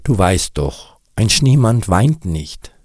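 A man's voice: fairly low pitch, big pitch swings, takes it slowly, a little mellow, husky, dry recording, clean studio sound, pitched above the performer's own voice, exaggerated voice. A man voicing a teasing, easygoing snowman friend who jokes and reassures as he reads a storybook aloud. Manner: jokey and reassuring. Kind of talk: storybook reading.

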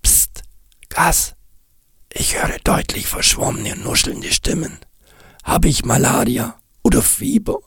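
A man's voice: mid-range voice, big pitch swings, normal speed, vocal fry, a little mellow, slightly rough, no echo, studio quality, voice pushed up, exaggerated voice. A man voicing an anxious, sickly little snowman boy who stutters and whines as he reads a storybook aloud. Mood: fretful. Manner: trembling, stuttering and whiny. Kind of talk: storybook reading.

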